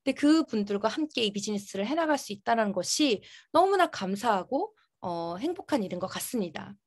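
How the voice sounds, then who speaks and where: A woman's voice: mid-range voice, sing-song, fairly quick. A woman giving an earnest, emphatic motivational business presentation, her articulation slightly impeded by a dental retainer. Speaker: network marketing business presenter.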